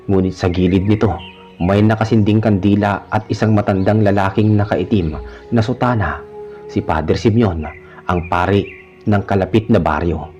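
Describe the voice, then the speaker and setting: A man narrating a horror story in a measured storytelling manner. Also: fairly low pitch, a little mellow. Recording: dull lo-fi recording with faint music. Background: faint music.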